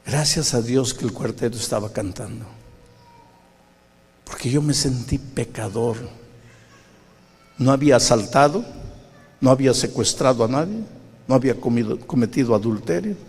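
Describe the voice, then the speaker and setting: An older man with a Peruvian accent, preaching a sermon in an animated, storytelling, conversational manner, with a gravelly, husky voice. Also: mid-range voice, normal speed, long pauses. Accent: Peruvian Spanish. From Peru. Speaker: pastor. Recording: reverberant hall.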